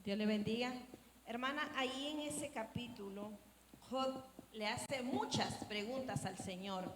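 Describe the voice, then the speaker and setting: A woman's voice: fairly high pitch, measured pace. A woman from the congregation, speaking reflectively into a passed microphone during a church Bible study. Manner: reflective, earnest, some restarts. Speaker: congregation member. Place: church hall. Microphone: handheld microphone passed to her. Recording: echoey church hall with faint background noise.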